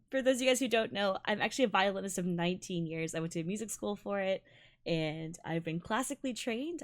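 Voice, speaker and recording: A young adult violinist whose first languages are Malayalam and Tamil gives a casual, bubbly breakdown of music, excitable and laughing often. Her voice sits in the mid-range, and faint music plays in the background.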